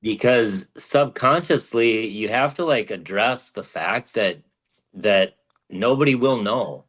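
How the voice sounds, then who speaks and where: A man's voice: lowish voice, a bit bright. Reflective man sharing on a coaching call. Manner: reflective, halting, restarts often. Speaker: program participant.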